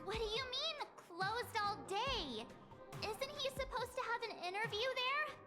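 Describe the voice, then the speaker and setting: An actress playing a perky young woman in a game, chirpy and excitable. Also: very high voice, unhurried, over music.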